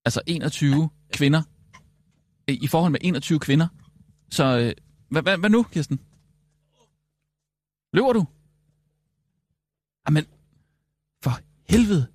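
A man's voice: fairly high pitch, expressive, long pauses, darkish tone, no echo, clean studio sound. A man hosting a comic radio show, reacting with disbelief and firing off short, pressing questions. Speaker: host.

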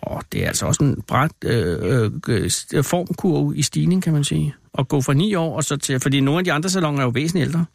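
Speaking with few pauses, a gravelly, animated man with a fairly high pitch hosts a casual radio interview with a caller. The studio sound is clean with no echo, and he gropes through his questions hesitantly, adding teasing asides.

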